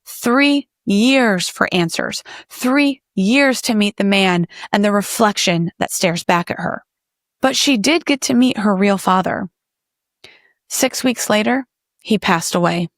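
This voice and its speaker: A woman hosts a podcast in a mid-range voice and asks her guest gentle questions. Between questions she reads reflective narration in an earnest tone. Her voice is recorded close and dry. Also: medium pitch, animated, slow, no room sound. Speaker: podcast host. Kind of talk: interview and scripted narration.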